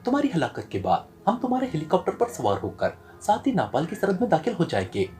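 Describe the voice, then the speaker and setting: A man voicing a stern, sharp-witted male secret agent, reading in a serious tone from an audio novel. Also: fairly high pitch, huge pitch swings, fast, faint music behind.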